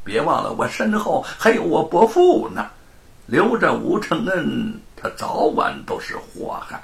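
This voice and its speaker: A man's voice: medium pitch, huge pitch swings, a little slow, a bit bright, heavily acted. A man voicing a spiteful, scheming rich villain who sneers and snickers. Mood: spiteful, sneering.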